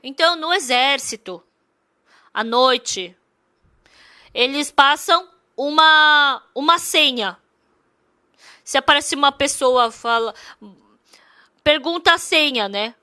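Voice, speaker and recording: Woman, interpreted sermon, very high voice, emphatic, repetitive. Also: slow, pauses often, bright, forceful tone, no room sound, clean studio sound. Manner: emphatic and repetitive, with many rhetorical questions.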